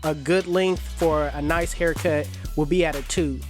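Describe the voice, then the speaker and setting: A man's voice: fairly high pitch, steady tone, moderate pace. A man who is a barber hosts a casual haircut tutorial, talking in a laid-back, slangy, chatty way in his shop. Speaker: barber and channel host. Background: music.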